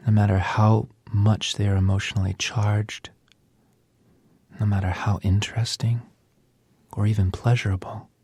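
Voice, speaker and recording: Really breathy soft-spoken guy doing guided meditation, half whispering, dark mellow tone, gentle w lots of pauses. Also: lowish voice, no echo.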